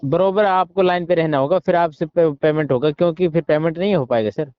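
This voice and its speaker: Heard through a muffled phone recording, an Indian man poses as a soldier buyer and haggles informally, repeating himself insistently and using English words here and there. His voice is a little high and smooth, a little fast, with no room sound.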